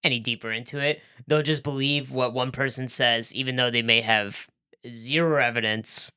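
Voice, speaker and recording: A man co-hosting a casual film discussion podcast, chatty and wry, getting animated as he riffs. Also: medium pitch, moderate pace, clear, resonant tone. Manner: chatty, wry, gets animated when riffing. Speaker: podcast co-host.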